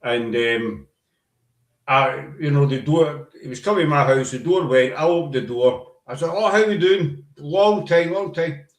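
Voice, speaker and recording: His voice runs on the high side and he's in no hurry. This podcast host from Scotland, Glaswegian-accented, keeps the chat casual and loose, telling meandering stories full of fillers, recorded in an echoey room.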